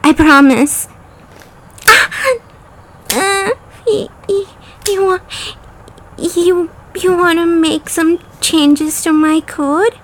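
A woman's voice: extremely high pitch, drawn-out words, long pauses, a bit bright, a little hiss or hum, full character voice. A woman voicing a prim, flustered female autocorrect program in a comedic parody, talking in a melodramatic, coy and pleading way.

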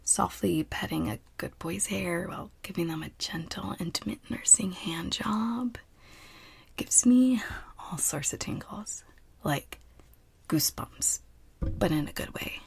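A woman performs a whispered role-play as a doting, teasing adult partner. Her voice is very breathy and husky, with a gravelly creak. She speaks slowly in a soothing, intimate, cooing manner. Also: on the low side, no room sound.

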